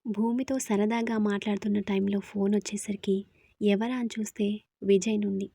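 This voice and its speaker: A woman narrating an audio story with steady, expressive reading. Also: mid-range voice, normal speed, gravelly, slightly rough, no echo.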